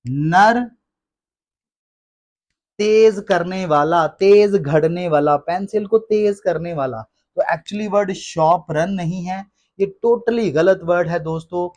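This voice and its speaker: A man's voice: high-pitched, darkish tone. Emphatic male pronunciation teacher. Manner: repeats words slowly and emphatically, addresses listeners as friends. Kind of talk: classroom-style explanation in Hindi.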